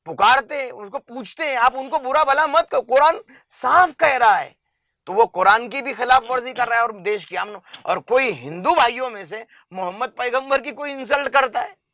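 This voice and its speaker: A man with a high, bright, sharp-edged voice speaks as an interview guest making a heartfelt public appeal. He is earnest and emphatic, hammering his point with long lists. His voice is recorded dry and close. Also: no echo. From India.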